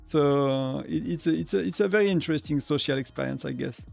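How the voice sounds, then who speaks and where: A man's voice: a little high, moderate pace, creaky, a little mellow, soft background music. A man with a French accent, whose first language is French, chatting casually on a live game stream, rambling with many fillers and restarts. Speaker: gaming streamer.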